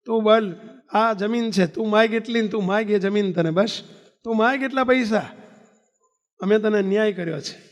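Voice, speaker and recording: A man's voice: high voice, moderate pace, pauses often, big-room sound, natural voice. A man preacher voicing a remorseful older father pleading with his son, apologetic and offering all. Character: remorseful old father, generous landowner.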